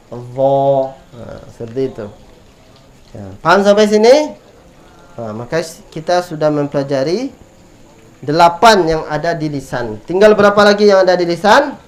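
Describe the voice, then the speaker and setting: A man with an Indonesian accent teaching Quran letter pronunciation, drilling each sound patiently and repeating it for students. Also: fairly high pitch.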